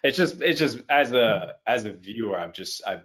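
A man's voice: mid-range voice, expressive, moderate pace, fairly bright tone, husky. A young man from Haiti, an actor guest, chatting casually on a video call, easygoing and repeating his phrases. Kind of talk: casual interview chat.

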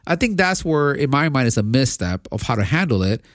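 A man's voice: mid-range voice, very animated, a little fast, a bit bright, no echo, studio quality. A man co-hosting a podcast, giving his opinion in casual debate, often restarting and repeating words as he thinks aloud. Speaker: podcast co-host.

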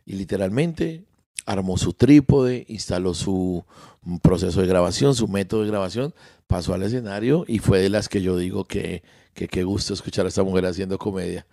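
A man's voice: low-pitched, moderate pace, gravelly, dry recording, clean studio sound. A man talking casually on a podcast, telling stories with lots of repeated words. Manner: animated storyteller, repeats words. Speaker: comedian guest.

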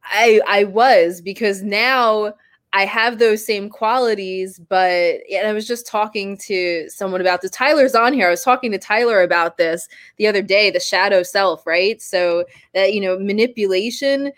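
A woman in her mid-thirties talks openly as an interview guest, with a relaxed, candid manner and an easy laugh. Her voice sits in a middle range, recorded close and dry with no room sound. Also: mid-range voice, normal speed, no room sound. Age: 30s. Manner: candid, laughs easily, casual swearing. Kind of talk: casual interview conversation.

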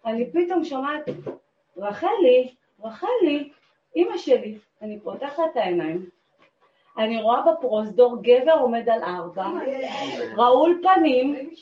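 A woman sharing an emotional personal testimony in a class, dramatic and swinging between hushed and loud. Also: on the high side, very animated. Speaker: class participant. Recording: dull, roomy recording.

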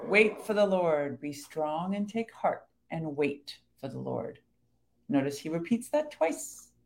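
A woman in casual faith talk, earnestly explaining and reading scripture verses slowly. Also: low-pitched, animated, vocal fry, a little hiss or hum.

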